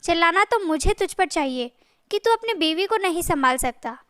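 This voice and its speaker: A woman's voice: very high-pitched, expressive, normal speed, fairly bright tone, no room sound, clean studio sound. A woman voicing a harsh, scornful older mother-in-law in a family story. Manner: scornful, scolding.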